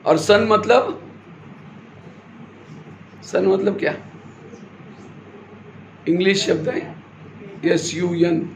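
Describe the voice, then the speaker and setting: A man with a high voice and vocal fry gives a sermon-style spiritual class, speaking very slowly and pausing often. He asks his live audience questions and then answers them himself. He uses a handheld or stand mic, and the hall sounds echoey with faint noise.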